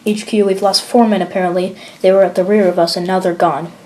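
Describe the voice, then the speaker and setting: A woman's voice: mid-range voice, fairly even intonation, a little mellow, natural voice. Woman doing a rattled male squad leader. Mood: panicked. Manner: shaken, hurried radio reports. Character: nervous male soldier leading a squad.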